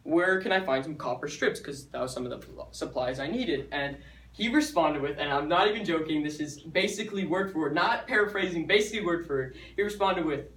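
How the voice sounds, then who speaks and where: A young man with a slightly high voice gives a chatty student talk, joking his way through it and stumbling over his words now and then. He sounds set back from the microphone. The echo of a large hall hangs around every word. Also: brisk, fairly bright tone. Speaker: student speaker. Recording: echoey hall, mic far off.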